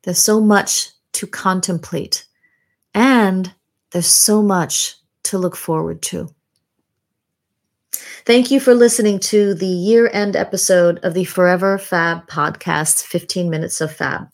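A woman hosting a podcast, reading a scripted monologue in a measured, deliberate way with reflective pauses. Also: on the low side, steady tone, gravelly. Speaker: podcast host. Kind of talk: scripted narration, year-in-review monologue.

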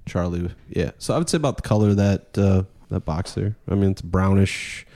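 A man's voice: sits low, fairly quick, dark tone. A man answering questions as a guest on a casual podcast, giving dry, clipped replies. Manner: laconic, dry short answers.

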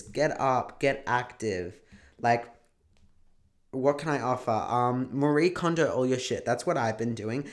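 A man hosting his own podcast, talking casually and bluntly in a motivational pep talk and swearing freely. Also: medium pitch. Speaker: podcast host. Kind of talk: casual solo podcast monologue.

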